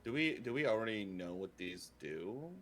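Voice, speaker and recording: A man playing a tabletop game, chatting casually in halting, hesitant phrases. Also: lowish voice, lively intonation, a bit bright.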